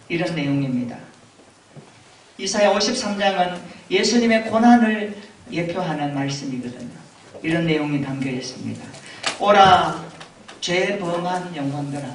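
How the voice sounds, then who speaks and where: A man's voice: high voice, echoey room, recorded from a distance, slight background noise, rough recording. A man preaching a sermon as pastor, earnest and rising to emphatic questions. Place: church sanctuary.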